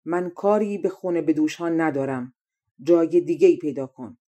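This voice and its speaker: A gruff, grey-haired old hermit in a fairy-tale reading, harsh and dismissive as he turns a stranger away, voiced by a woman narrator. The voice sits low and mellow. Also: steady tone, natural voice. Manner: curt and dismissive. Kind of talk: storybook reading.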